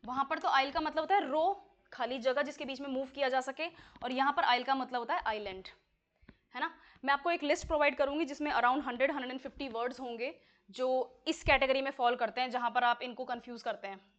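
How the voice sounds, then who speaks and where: A woman's voice: high-pitched, steady tone, brisk, fairly bright tone, lo-fi sound. A woman teaching an English exam-prep lesson in Hindi, explaining words step by step and often checking that students follow.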